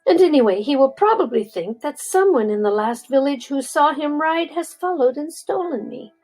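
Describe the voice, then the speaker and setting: Grandma doing a proud, bossy talking war horse. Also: female voice, sits high, expressive, moderate pace, faint music behind, pitched above the performer's own voice, low-quality recording. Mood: indignant. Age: older. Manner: scornful, bossy, then gently coaxing.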